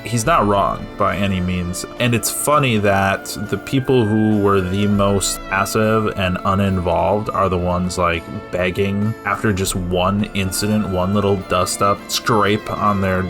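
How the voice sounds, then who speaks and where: Low-voiced thirties male co-host, joking and animated, light music underneath. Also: a little slow, few pauses. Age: 30s. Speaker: podcast co-host. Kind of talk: casual podcast chat.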